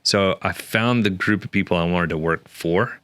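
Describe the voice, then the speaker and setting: A man from Oklahoma in his forties, a guest author telling stories in a lively interview, with many restarts. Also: deep voice, moderate pace, smooth, no echo. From Oklahoma, USA. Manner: animated, many restarts and fillers. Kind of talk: conversational storytelling interview.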